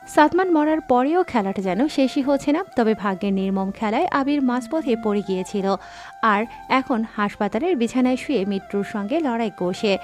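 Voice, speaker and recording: A woman narrates a dramatic audio story in a steady reading voice, a little higher than average. Soft background music runs beneath her throughout.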